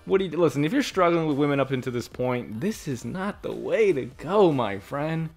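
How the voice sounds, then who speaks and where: A man's voice: fairly high pitch, animated, normal speed, vocal fry, darkish tone, soft background music. A young man reading comments aloud and ranting about them in casual commentary, exasperated and lecturing, often repeating himself.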